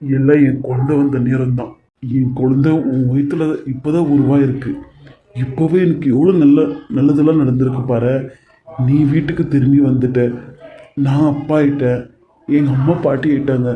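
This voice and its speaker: A man voicing a devoted husband and father-to-be in an animated serial, emotional and reassuring. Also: mid-range voice, natural voice. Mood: joyful. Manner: emotional, reassuring, talks in long rushes. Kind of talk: cartoon serial voice acting. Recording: dull lo-fi audio with faint music.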